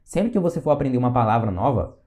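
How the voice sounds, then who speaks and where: A man's voice: mid-range voice, sing-song, fast talker, dark tone. A Brazilian man teaching an online Russian lesson, patient and reassuring, checking in often with his students. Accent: Brazilian Portuguese.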